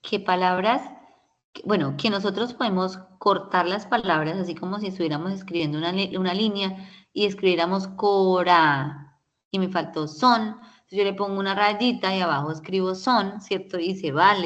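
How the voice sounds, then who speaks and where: A woman's voice: fairly low pitch, lo-fi sound. A woman teacher, patiently explaining English grammar in an online class and often checking in with her students. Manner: patient, explanatory, many tag questions.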